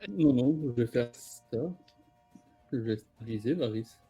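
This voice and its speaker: A man's voice: medium pitch, measured pace, warm tone, soft background music. A man chatting casually as a player in a tabletop role-playing game. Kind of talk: casual chat.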